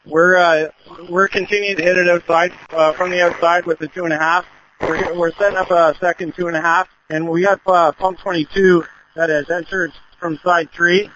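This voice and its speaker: A man speaking as a firefighter, giving halting, urgent status reports over a two-way radio. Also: high-pitched, flat delivery, sharp tone. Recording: muffled radio, faint noise, clicks.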